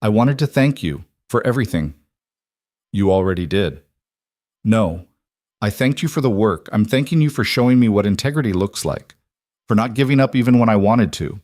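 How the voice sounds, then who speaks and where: A man's voice: fairly low pitch, expressive, moderate pace, darkish tone, dry recording, studio quality, lightly acted. A man voicing a determined woman executive who speaks earnestly and persuasively.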